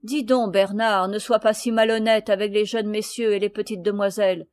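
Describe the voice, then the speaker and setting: Gruff loyal peasant man, blunt and mocking, storybook reading, voiced by a woman. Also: mid-range voice, fairly even intonation, normal speed, a little mellow, dry recording, lightly acted.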